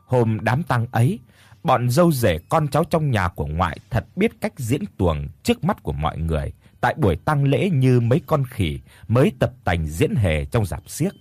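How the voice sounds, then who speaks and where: A man's voice: medium pitch, big pitch swings, normal speed, darkish tone, breathy edge, no room sound. A man narrating a first-person audio story in a bitter, scornful tone.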